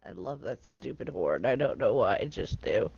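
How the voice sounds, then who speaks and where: A woman's voice: a bass voice, very animated, moderate pace, gravelly, darkish tone, breathy edge, no room sound, faint music behind. A woman hosting a gaming livestream, teasing the players with playful announcer-style introductions. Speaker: stream host. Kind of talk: casual gaming livestream chat. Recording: slightly dull lo-fi stream audio.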